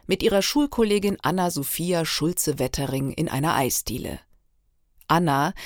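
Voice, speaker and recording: A woman reading a novel aloud with expressive storytelling. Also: low-pitched, dry recording, studio quality. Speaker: reader. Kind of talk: audiobook reading.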